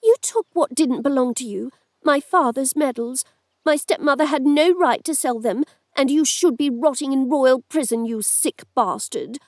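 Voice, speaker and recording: A woman's voice: high voice, normal speed, no echo, studio quality. Woman voicing a fierce young heroine. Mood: fierce anger. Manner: sharp and cutting. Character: bold, furious young heroine.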